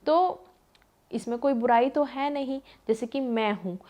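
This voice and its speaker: A woman in her thirties tells a personal story in a relaxed, conversational way. Her voice sits a little high, and she leans on fillers. She acts out what others said. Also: measured pace, dull audio. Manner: chatty, lots of fillers, acts out quoted voices. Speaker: vlogger. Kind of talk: casual storytelling monologue.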